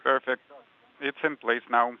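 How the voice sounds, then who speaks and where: A man giving calm, brief step-by-step instructions over a space-to-ground radio link. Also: medium pitch, a little slow. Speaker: spacewalk crew radio communicator. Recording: tinny narrow-band radio transmission.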